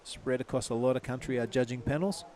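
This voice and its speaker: A man's voice: medium pitch, steady tone, quick pace, a little mellow. A man giving live surf contest commentary in a laid-back, casual surfer announcer manner.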